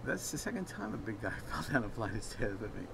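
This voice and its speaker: A man's voice: fairly low pitch, big pitch swings, fast talker, gravelly. An older man hosting a cooking video at an outdoor grill, rambling through a long anecdote with frequent chuckles and repeated words. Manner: chatty, laughs often, repeats words. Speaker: cooking show host. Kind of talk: rambling storytelling while cooking. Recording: noisy outdoor recording with traffic. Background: outdoor ambience, passing traffic.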